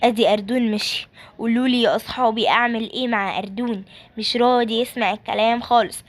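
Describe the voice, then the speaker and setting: A woman's voice: on the high side, fairly even intonation, quick pace. A woman with an Egyptian accent telling a children's story as a scolding mother who also speaks to viewers. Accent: Egyptian Arabic.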